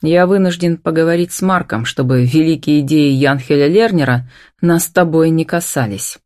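A woman's voice: deep voice, moderate pace, darkish tone, lightly acted. Woman doing a growling hot-tempered husband. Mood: gruff. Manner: growling, curt. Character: gruff protective young husband, hot-tempered.

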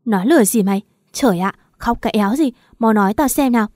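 Woman voicing a foul-mouthed scolding big sister type, loud, impatient, warm dark tone, dry sound. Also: a little high, fast, no echo, close to an everyday voice.

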